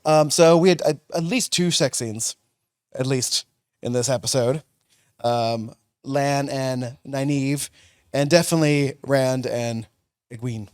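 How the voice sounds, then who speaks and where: A man's voice: medium pitch, unhurried, smooth, no echo. A man co-hosting a casual podcast chat in a tavern, joking and swearing freely. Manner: jokey, animated, swears freely. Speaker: podcast co-host.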